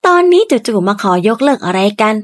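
A woman's voice: mid-range voice, sing-song, brisk, no echo, studio quality, lightly acted. A woman voicing a wealthy village mother who scolds her daughter in a storybook reading. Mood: indignant.

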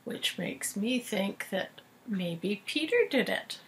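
A woman's voice: mid-range voice, expressive, slow. Thoughtful woman co-host musing. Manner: thoughtful, hesitant with fillers. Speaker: podcast co-host. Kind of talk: casual commentary chat.

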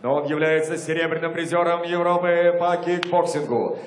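A man's voice: a little high, steady tone, slight background noise. A man announcing boxers from the ring like a grand ringmaster, drawing out names over an echoey arena PA. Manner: grand showman delivery with drawn-out, shouted names. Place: large indoor boxing arena, in the ring. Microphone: handheld microphone over PA.

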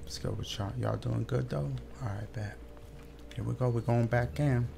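A man's voice: medium pitch, moderate pace, gravelly, warm tone, a little hiss or hum. A young man doing casual, sweary live commentary as a scared horror game streamer talking to his viewers. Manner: nervous, scared horror gamer, swearing often.

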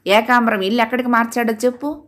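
A woman's voice: a little high, steady tone, fast talker, fairly bright tone, voice pushed up, natural voice. A woman voicing a domineering wife with a commanding, threatening manner. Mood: demanding. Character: bossy domineering wife, aspiring writer.

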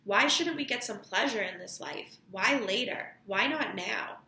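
A woman reads out a bitter, violent man with harsh scorn in every line. The voice has a gravelly edge and a bright tone. The room around it is echoey. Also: medium pitch, expressive, measured pace. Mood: scornful. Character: surly embittered grown man, violent.

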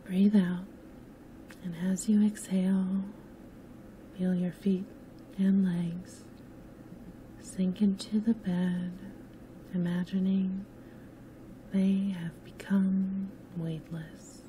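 A woman narrating a scripted sleep story in a hushed, soothing, soft-spoken manner, often close to a whisper. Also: medium pitch, level tone, drawn-out words, pauses often, slight background noise, low-quality recording. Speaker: host and narrator of sleep stories.

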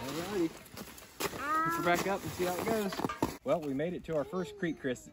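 A man in his thirties talking casually to a close handheld camera outdoors in snowy woods, relaxed and full of "uh" fillers. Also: sits high, moderate pace. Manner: relaxed, easygoing, many "uh" fillers. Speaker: vlogger, host. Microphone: handheld camera close to his face. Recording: loud outdoor noise and engine sounds.

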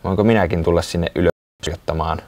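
A man's voice: sits low, steady tone, a little mellow, lightly acted. A man voicing Molli, a small worried creature who sighs and speaks earnestly. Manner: sighing, hesitant, earnest.

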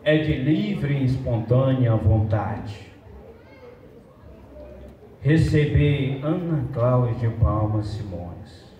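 A man with a Brazilian Portuguese accent leads a wedding ceremony as officiant, speaking solemnly in measured phrases with pauses. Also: mid-range voice, expressive, mellow. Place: large metal-roofed event hall with guests. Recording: roomy, muffled, distant, slight background noise.

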